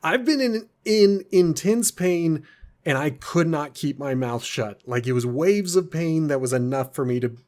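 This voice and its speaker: Slow-talking animated podcast man. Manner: animated, swings high in pitch when excited, laughs often. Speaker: podcast co-host. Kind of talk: casual movie discussion.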